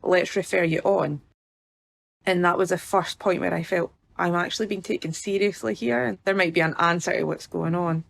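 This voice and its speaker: A Scottish woman in her early thirties speaks as a guest on a podcast. Her voice is slightly low with plenty of fry. She tells her personal story in an informal, chatty way. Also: fairly even intonation, brisk, hardly any pauses. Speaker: patient guest.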